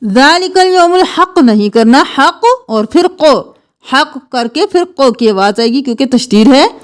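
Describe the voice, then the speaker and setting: A woman teaching Quran pronunciation, reciting verses slowly and then explaining the correct sounds in quick asides. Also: on the high side, animated. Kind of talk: tajweed lesson with slow recitation.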